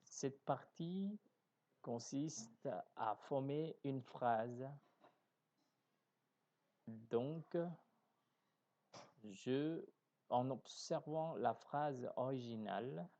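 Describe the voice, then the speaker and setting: Very slow, deliberate male teacher. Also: medium pitch, animated, a little mellow. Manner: slow, deliberate, carefully articulating words; corrects himself mid-sentence. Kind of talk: beginner French lesson.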